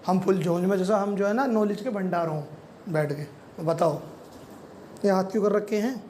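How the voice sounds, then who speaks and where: A man's voice: sits high, darkish tone, slight background noise. A young man telling stand-up stories, acting out dialogue with crude, slangy punchlines. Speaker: stand-up comedian. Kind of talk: stand-up storytelling.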